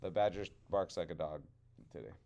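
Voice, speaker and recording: A man telling a trickster tale as a storyteller, with deliberate, dramatic phrasing. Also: deep voice, gravelly, dark tone, highs cut off.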